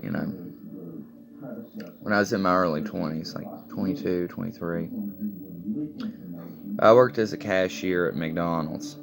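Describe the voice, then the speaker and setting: A man's voice: low voice, a little slow, gravelly, pauses often. A man in his late twenties telling a personal story in a rambling, profane, casual way, full of fillers, while sitting at home. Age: late 20s. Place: sitting at home with coffee and a cigarette.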